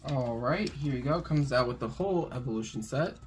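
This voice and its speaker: A woman's voice: extremely low pitch, animated, brisk. A woman co-hosting a video in casual, offhand chat. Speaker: co-host of card pack opening video. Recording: faint background room noise.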